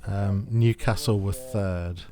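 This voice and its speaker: A man co-hosting a casual watch-along chat, relaxed and chuckling as he talks. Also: on the low side, slow pace, over music. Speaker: podcast co-host.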